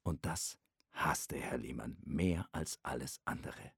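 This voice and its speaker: A man narrating an audiobook in a low, wry and understated way. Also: slow, fairly bright tone, breathy edge, no room sound, studio quality. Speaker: audiobook reader.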